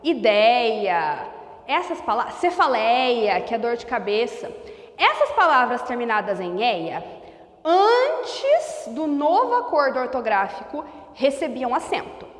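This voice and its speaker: A woman's voice: sits high, a little slow, echoey room, in a large hall. A woman teacher giving a grammar lesson, explaining step by step and checking in with her students. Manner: lively, explains step by step with frequent "tá?" check-ins. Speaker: Portuguese teacher.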